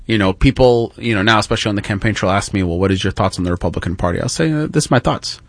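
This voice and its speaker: A man's voice: on the low side, very fast, no echo. A man appearing as a political guest on a talk show, speaking declaratively and repeating phrases for emphasis.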